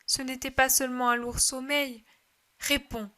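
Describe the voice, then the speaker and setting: A heartbroken mother on the edge of despair, swinging between tender murmurs and anguished cries, as a woman reader puts her on. The voice sits fairly high and sounds bright, close and intimate like a storybook reading. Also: little pitch movement, a little slow. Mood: pleading. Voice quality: emotional pleading delivery. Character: grieving mother, desperate, clinging to faith.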